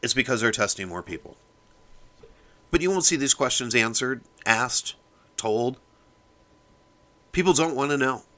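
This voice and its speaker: A man's voice: medium pitch, expressive, measured pace, pauses often, pushed and bright. A man hosting his own podcast, delivering a fired-up opinion monologue and lecturing his listeners, often calling them "people". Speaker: podcast host.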